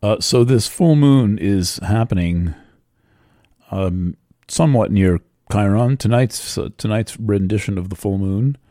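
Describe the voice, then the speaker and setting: A man speaking unscripted about astrology, rambling and unhurried, with many fillers and pauses, into a microphone. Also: low-pitched, mellow, dry recording, clean studio sound. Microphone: studio microphone.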